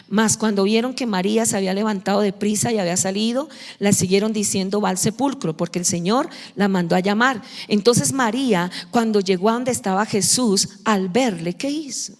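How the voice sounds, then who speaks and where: A Colombian woman pastor preaching a sermon, telling stories with lively acted-out voices. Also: medium pitch. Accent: Colombian Spanish. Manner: lively storytelling preacher, acts out quoted voices. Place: church hall. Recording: long church hall reverb.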